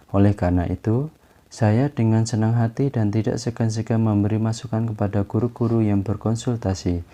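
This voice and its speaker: A man reading a self-help book aloud in a steady, measured way. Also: lowish voice.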